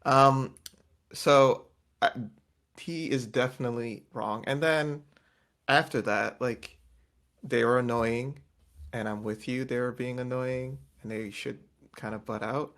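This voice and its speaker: A man's voice: medium pitch, a little slow. A man co-hosting a casual podcast, recapping a reality show and acting out quotes in voices. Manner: animated, acts out quotes in voices. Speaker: podcast co-host.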